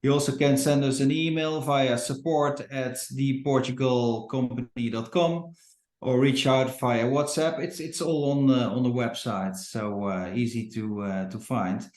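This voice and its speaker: A Dutch-accented man speaks as a guest in a podcast interview, pausing often and restarting his sentences. His voice sits in a middle pitch. The sound is roomy, with a noticeable echo. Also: fairly even intonation, a little mellow. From Netherlands. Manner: hesitant, many fillers and restarts. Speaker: company founder, guest. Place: Portugal.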